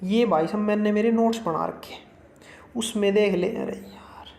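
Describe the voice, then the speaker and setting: A man runs a casual exam-prep lesson, chatting folksily and slipping English terms into his explanations. His voice is mellow and warm. The recording has a roomy echo. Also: high voice, moderate pace, slight background noise. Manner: folksy, chatty, calls the viewer brother; mixes Hindi with English terms.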